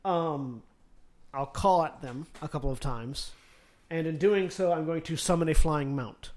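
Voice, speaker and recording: A man's voice: on the high side, a little slow, darkish tone. A man playing a tabletop fantasy game, casually describing what his character does.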